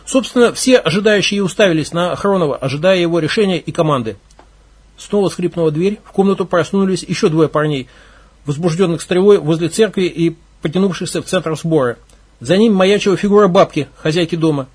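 A man narrating a story in a steady, plain reading voice. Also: high-pitched, breathy edge. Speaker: audiobook reader.

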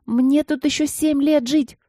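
A woman's voice: mid-range voice, normal speed, warm tone, dry recording, studio quality, voice pushed up, natural voice. A woman voicing a stubborn, sulky young female student in an audiobook, speaking in an indignant, pouting way.

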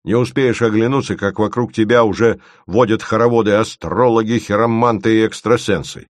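A man playing a gruff barking official. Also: lowish voice, steady tone, a little fast, no echo, studio quality, voice pushed up, lightly acted. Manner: barking, grumbling. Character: gruff irritable middle-aged male official. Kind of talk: audiobook reading.

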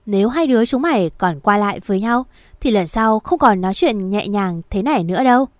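A woman voicing a sharp-tongued middle-aged mother who scolds harshly and loudly. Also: mid-range voice, lively intonation, fairly quick, no echo, studio quality, natural voice. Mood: threatening.

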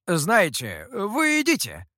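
A man's voice: high-pitched, huge pitch swings, slow, bright, forceful tone, dry recording, studio quality, voice pushed up, full character voice. A reader voicing a stubborn male monkey lord who talks in a pompous, insistent, raised voice.

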